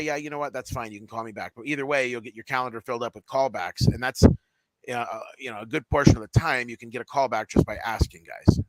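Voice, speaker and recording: A man of middle pitch coaching telemarketing in a relaxed, chatty way, full of fillers and asides to the guys. He sounds a bit tired from a headache. The recording is dry and close, with no room sound. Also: no room sound, low-quality recording. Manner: loose and conversational, many fillers, addresses listeners as guys. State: mild headache, low energy. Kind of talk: casual spoken tutorial.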